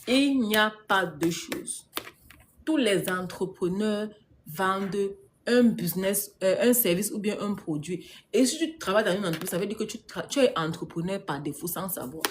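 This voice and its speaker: A woman business coach chats casually on a live stream, responding to viewers' comments in a medium-pitched voice at a moderate pace, with a little hiss or hum. She's emphatic, hammering points home through repetition, laughing often, and sprinkling English words into her speech.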